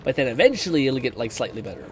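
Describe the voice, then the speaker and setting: A man's voice: medium pitch, big pitch swings, racing, slight background noise. A man doing casual live game commentary as a streamer, thinking aloud in an informal, sweary way.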